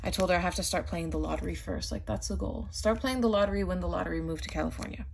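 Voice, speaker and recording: Chatty woman with a low voice and the hiccups. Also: fast, gravelly, a little hiss or hum. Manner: chatty, says "like" often, gushing over items. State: has the hiccups. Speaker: haul vlogger. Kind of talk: casual unboxing chat.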